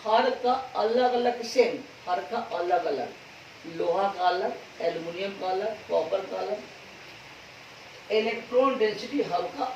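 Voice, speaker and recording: High-pitched man teaching physics slowly. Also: creaky, darkish tone, a little hiss or hum. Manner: repeats key terms slowly for students to copy; quizzes the class with call-and-response questions. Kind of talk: classroom lecture. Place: classroom. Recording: echoey, distant, dull classroom recording.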